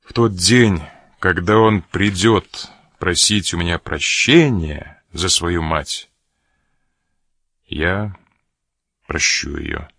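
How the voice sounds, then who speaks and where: A proud, wounded buccaneer, voiced by a man reading an audiobook, speaking with measured, bitter reproach. The voice sits deep and low. The recording is dry and close, with no room sound. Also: vocal fry, fairly bright tone, husky, dry recording, full character voice. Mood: stern. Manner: stern, measured, cold reproach.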